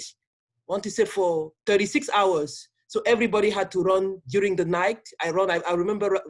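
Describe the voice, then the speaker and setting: Panelist, male, high pitch, halting speech with repeated words, video call audio. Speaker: panelist, product manager.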